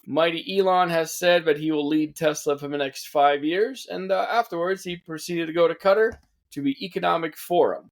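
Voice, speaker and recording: A man's voice: fairly high pitch, normal speed. A man co-hosting a casual satirical news podcast, sarcastic and laughing often. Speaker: podcast co-host.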